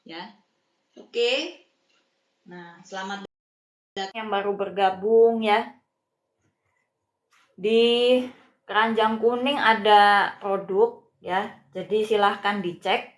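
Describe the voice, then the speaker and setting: A woman's voice: medium pitch, steady tone, takes it slowly, pauses often. A woman teaching a live-streamed Mandarin lesson, patient and greeting viewers by name.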